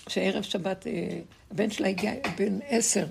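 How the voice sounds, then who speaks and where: A middle-aged woman giving a spiritual lesson to a group, telling stories in a lively way and laughing between points. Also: mid-range voice, gravelly, slight background noise. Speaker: religious teacher.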